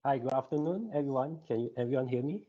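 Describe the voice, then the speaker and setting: A man presenting on an online group call, speaking haltingly and filling pauses with many hesitation sounds. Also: medium pitch, mellow. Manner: halting, frequent filler sounds. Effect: online group call audio. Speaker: guest presenter. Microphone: computer mic on a video call. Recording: dull lo-fi call audio.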